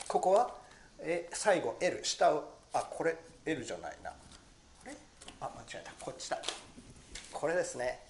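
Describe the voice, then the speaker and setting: Lively pronunciation teacher. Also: male voice, a little high, roomy sound, a little hiss or hum. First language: Japanese. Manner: animated, demonstrates sounds slowly and repeats them. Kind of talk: short pronunciation lesson.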